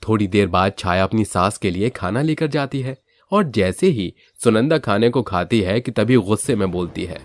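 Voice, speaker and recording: Low-voiced man narrating a moral story. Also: lively intonation, moderate pace, hardly any pauses, dry recording.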